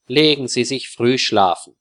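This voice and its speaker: A man voicing a polite male hotel doctor who gives formal, calm advice in a storybook reading. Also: medium pitch, measured pace, lightly acted. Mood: courteous.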